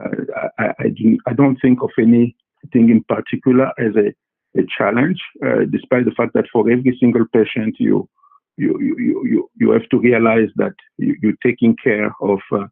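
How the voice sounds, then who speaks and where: A man who grew up in Congo answers students' questions in a halting way, full of fillers and repeated words. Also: medium pitch, flat delivery, gravelly, breathy edge. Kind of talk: casual interview answers. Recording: tinny phone-like line.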